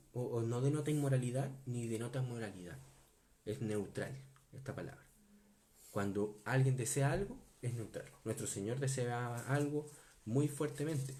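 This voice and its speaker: A man preaching a Bible teaching sermon, stressing key words, slowing down on them and often asking his listeners whether they follow. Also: mid-range voice, warm tone. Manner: asks the listeners to confirm often.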